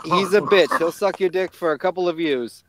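A man's voice: high-pitched, normal speed, fairly bright tone, a little hiss or hum. A man with a lisp, a podcast guest trading crude, mocking jokes in banter. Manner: taunting, mocking.

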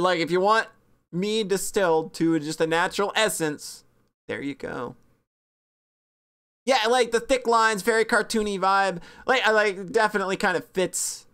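Bubbly rambling woman streamer, lively pitch. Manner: bubbly, rambling, self-mocking, with sudden squeaky high bursts. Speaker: VTuber streamer. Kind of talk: casual stream chat reviewing fan art.

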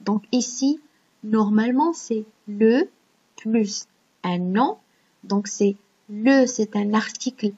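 A woman's voice: medium pitch, slow pace, mellow, breathy edge, highs cut off. A woman teaching a grammar lesson online, patiently explaining step by step and checking in with her students. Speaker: French teacher.

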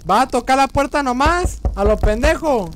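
A young man with a Mexican accent commenting on his gameplay, cracking crude jokes, talking back to game characters and yelling when startled. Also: very high-pitched, lively intonation, moderate pace, over music. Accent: Mexican Spanish. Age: young adult. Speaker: streamer.

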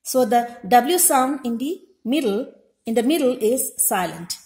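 Slow, high-voiced woman teaching a lesson. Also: animated, a little mellow. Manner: repeats each example word slowly and explains. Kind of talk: slow, deliberate classroom lesson. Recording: echoey room.

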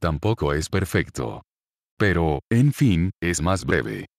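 Spanish priest, low-pitched man, patient didactic delivery, repeats his key lines. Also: big pitch swings, slow, vocal fry, no echo, studio quality. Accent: Spain. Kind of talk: religious talk to an audience.

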